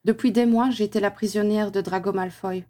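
A fragile young woman who speaks in a halting way, voiced by a woman. Her voice is warm and mellow. This is a read-aloud fan story. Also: medium pitch, fairly even intonation, natural voice. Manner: hesitant, halting.

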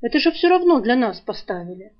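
A woman's voice: fairly high pitch, very animated, a little fast. Woman voicing a young male thief, good-natured, grumbling, down-to-earth, audiobook character, dull lo-fi sound. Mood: easygoing. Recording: dull lo-fi recording.

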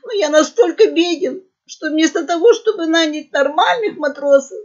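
A woman's voice: sits high, lively intonation, normal speed, pitched above the performer's own voice. A woman voicing a fat, cowardly male pug merchant who stutters and sobs, on a dull lo-fi recording. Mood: sobbing. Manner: stuttering, sobbing.

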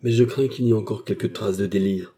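A man's voice: lowish voice, fairly even intonation, a little fast, warm tone, natural voice. A man reading an audiobook, voicing a fake doctor who speaks with mock gravity. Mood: solemn. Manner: solemn, mock-grave. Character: fake doctor, grave and solemn, male.

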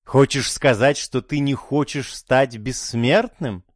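A man's voice: mid-range voice, slow, no echo, studio quality. A man voicing an obsessed young male scientist chasing immortality, fervent and scornful. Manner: fervent, scornful, rising to outbursts.

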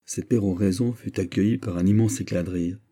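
A man narrating a classic novel in a measured audiobook reading. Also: lowish voice, dark tone, breathy edge. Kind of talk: scripted narration.

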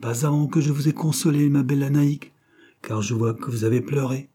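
A man's voice: mid-range voice, steady tone, brisk, mellow, breathy edge, pitched above the performer's own voice, lightly acted. A man reading aloud, voicing a jealous, passionate young man who pleads insistently. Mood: pleading.

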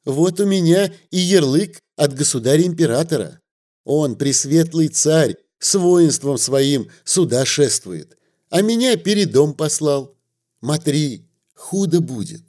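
A man voicing a fawning, terrified old male merchant who pleads in a sugary voice and breaks into shrill wailing. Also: expressive, a little slow, darkish tone. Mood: pleading.

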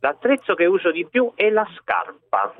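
A man's voice: sits high, wildly swooping pitch, normal speed, no room sound. A man from Naples calling a radio show from his car on hands-free speakerphone, insisting on explaining himself over and over. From Naples, Italy. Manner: insistent, keeps repeating that he will explain. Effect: phone call on hands-free speakerphone from a car. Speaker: radio caller. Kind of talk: call-in radio chat. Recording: tinny narrow-band phone line.

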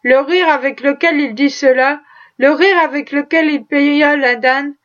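High-voiced woman reading a tale. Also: steady tone, fairly bright tone, lo-fi sound. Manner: measured storytelling, lightly voicing characters. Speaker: narrator. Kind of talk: audiobook reading of a classic tale.

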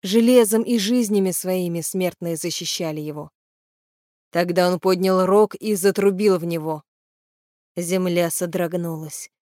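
A woman reading a fantasy novel aloud in steady, even storytelling narration. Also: lowish voice, a little slow, dry recording, studio quality. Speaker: audiobook reader.

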